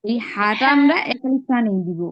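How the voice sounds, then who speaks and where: A woman's voice: on the high side, brisk. A woman teaching an online class, patiently explaining step by step and drawing out each sound she demonstrates. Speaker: Arabic pronunciation teacher. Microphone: video call. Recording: lo-fi online call audio.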